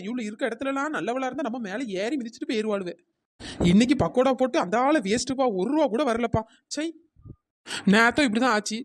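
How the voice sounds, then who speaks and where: A woman's voice: on the high side, lightly acted. A woman voicing a fed-up young snack stall keeper in a cartoon, scolding and complaining. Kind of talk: cartoon voice acting.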